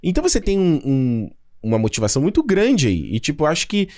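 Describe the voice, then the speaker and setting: Man, casual film chat, swears a lot, fast, very expressive pitch. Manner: animated, swears freely, trails off and restarts.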